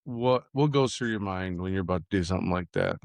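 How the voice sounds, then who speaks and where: A man's voice: low voice, expressive, fast, creaky, a little mellow, no echo. A man hosting a podcast, asking questions in an easygoing, casual way with hesitant restarts. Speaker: podcast host. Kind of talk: casual interview chat.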